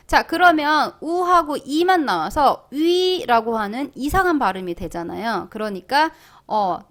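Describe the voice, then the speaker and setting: A young woman teaching a language lesson online, playful and lively, drawing out sounds slowly and loudly as she models them. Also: on the high side. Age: young adult.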